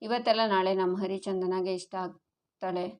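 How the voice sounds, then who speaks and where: A woman reading a calm, caring elder brother. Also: medium pitch, normal speed, close to an everyday voice. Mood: reassuring. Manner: gentle, reassuring.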